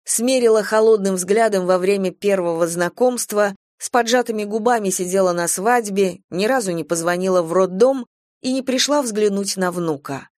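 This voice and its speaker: Woman narrating a dark audiobook, dry. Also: mid-range voice, normal speed, no room sound.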